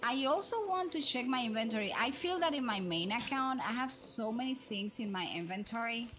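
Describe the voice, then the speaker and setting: A slightly high, fairly bright, expressive voice moves at a brisk pace. This woman hosts a livestream, chatting casually and rambling as she thinks aloud through a game, with music behind her.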